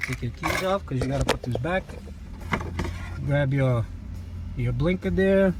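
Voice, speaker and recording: Filming one-handed on his phone, a Brazilian man explains a car repair mid-job for his YouTube channel, speaking with a Brazilian Portuguese accent in a casual, repetitive, stop-start way. His mid-range voice is animated and a little slow, and the audio is very noisy.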